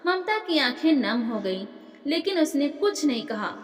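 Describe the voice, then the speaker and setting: Woman telling a life story first person, high voice, echoey roomy sound. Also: big pitch swings, unhurried. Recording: roomy echo with long reverb.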